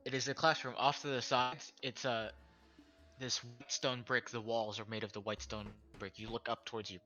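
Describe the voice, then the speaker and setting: A man's voice: medium pitch, little pitch movement, normal speed, sharp tone, highs cut off, soft background music. A man narrating a tabletop game as game master, describing scenes with frequent restarts and self-corrections.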